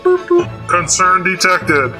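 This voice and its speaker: A man's voice: sits high, huge pitch swings, takes it slowly, pushed and bright, soft background music, voice pushed up, full character voice. A man putting on a robot voice for a glitchy, touchy male robot, with beeps and boops in between, while reading game dialogue aloud. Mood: malfunctioning.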